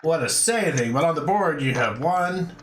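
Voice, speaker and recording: A man's voice: a little high, expressive, brisk. A man casually calling rolls and chatting as the dealer in a dice game. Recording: very noisy echoey room, rattling clicks.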